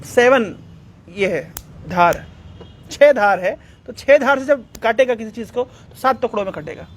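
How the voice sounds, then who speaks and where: Very high-voiced man telling scripture stories. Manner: lively storyteller, mixes in English words. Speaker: religious speaker. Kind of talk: devotional scripture storytelling.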